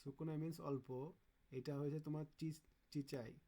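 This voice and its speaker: A man's voice: on the high side, fairly even intonation, mellow, slight background noise. Man teaching Japanese kanji aloud. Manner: thinks aloud, sounds out Japanese words slowly. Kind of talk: casual exam-prep lesson.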